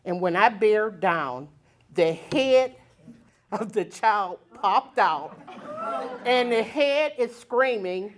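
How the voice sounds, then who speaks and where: Speaking slowly in a mid-range voice, this woman tells a personal tale at a live storytelling show. She's chatty and animated, acting out each character's voice.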